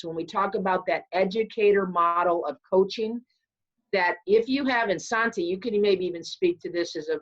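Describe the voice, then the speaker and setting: A woman from the athletics staff hosting a virtual info session, speaking confidently and persuasively over a video call. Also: fairly low pitch. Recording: dull lo-fi video call audio.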